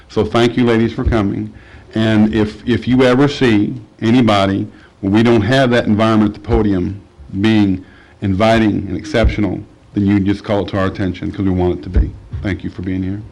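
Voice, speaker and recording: Brief: male councilman, lowish voice, measured and a bit halting, chamber desk mic. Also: flat delivery, darkish tone, poor audio. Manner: measured, starts with halting fillers. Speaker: council member. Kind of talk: remarks at a council meeting.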